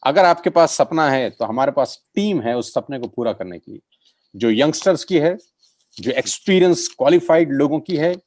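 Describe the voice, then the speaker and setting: Persuasive man giving a sales pitch. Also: lively intonation, moderate pace, darkish tone, no echo. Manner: persuasive, repeats phrases for emphasis; addresses listeners as friends. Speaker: network marketing presenter. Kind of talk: business opportunity presentation.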